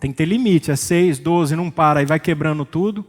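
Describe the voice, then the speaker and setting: A man with a Brazilian Portuguese accent preaching an expository sermon as pastor, calm and joking, acting out church members. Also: fairly high pitch, brisk, big-room sound. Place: church sanctuary.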